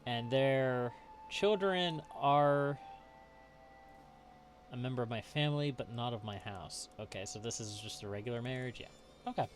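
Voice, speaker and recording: A man's voice: mid-range voice, measured pace, pauses often, soft background music. A man hosting a let's play, chatting casually and reading game text aloud as he plays, often chuckling. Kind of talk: casual gameplay commentary.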